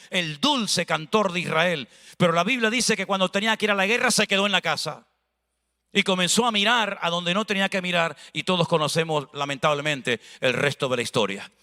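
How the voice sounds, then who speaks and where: A man from Spain, a pastor preaching an animated sermon with chatty asides, recorded in a church hall. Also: high voice. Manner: animated, preaching with conversational asides and acted dialogue. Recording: long hall reverb.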